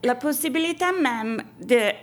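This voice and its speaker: A woman's voice: on the high side, normal speed. A woman, a French speaker, reading a scripted academic lecture as an exhibition curator, careful and stumbling a little over words. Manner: foreign-accented, non-native French, careful reading with stumbles.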